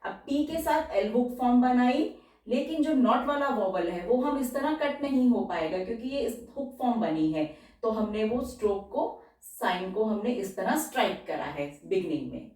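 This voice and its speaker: A woman teaching a shorthand lesson, going step by step and repeating each example word slowly. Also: fairly high pitch, lively intonation, darkish tone. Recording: very echoey room, voice from far off.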